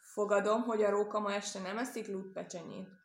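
A woman's voice: medium pitch, fairly even intonation, reverberant, close to an everyday voice. A woman voicing a bold, eager male dog, blunt and ready to help.

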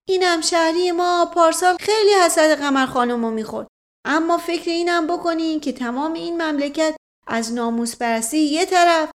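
A woman voicing a rustic old male servant who tells tall tales in a slow, folksy drawl. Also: high voice, voice pushed up, close to an everyday voice. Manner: drawling folksy storyteller with a stock opener.

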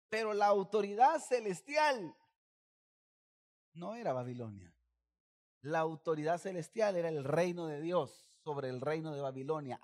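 A male pastor preaching a sermon, emphatic, often calling the congregation to repeat phrases after him. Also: fairly high pitch.

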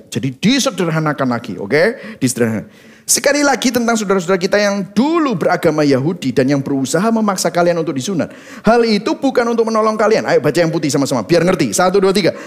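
Man, pastor, animated sermon, lively intonation, slightly high voice. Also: fast. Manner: animated preaching, leads congregation in reading aloud; mimics congregants' reactions in quoted asides.

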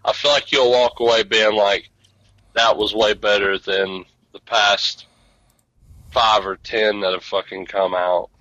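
Bright-voiced man, emphatic and repetitive. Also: fairly low pitch, steady tone, unhurried, dry recording, dull audio. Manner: emphatic, repeats himself. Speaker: podcast co-host. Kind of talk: casual chat.

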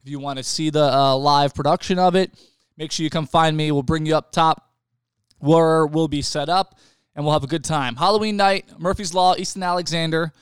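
Man, young adult, podcast host, casual chat, smooth voice, dry close-mic sound. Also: fairly high pitch, fairly even intonation, normal speed, dry recording. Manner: chatty, laughs easily, loose restarts. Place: home studio.

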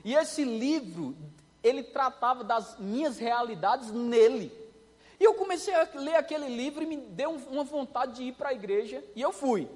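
High-voiced preacher man in a reverberant hall. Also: normal speed. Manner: animated storytelling, acting out voices. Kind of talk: sermon.

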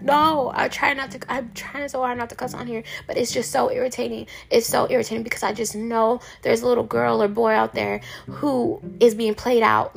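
A hoarse, raspy woman hosting a podcast, delivering an irritated, heated rant and cussing freely. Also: fairly high pitch. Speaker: podcast host. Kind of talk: ranting monologue.

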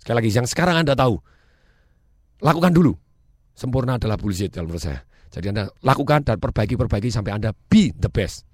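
Man, motivational speaker, rapid-fire delivery, emphatic, dry close recording. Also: medium pitch, dry recording. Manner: energetic, emphatic, mixes English phrases, laughs. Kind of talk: motivational talk.

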